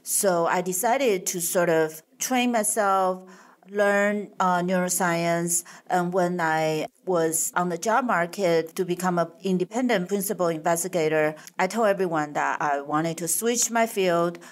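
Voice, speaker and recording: A woman's voice: lowish voice, measured pace. A middle-aged woman from Taiwan, a guest scientist, answering interview questions in a thoughtful way with restarts and fillers.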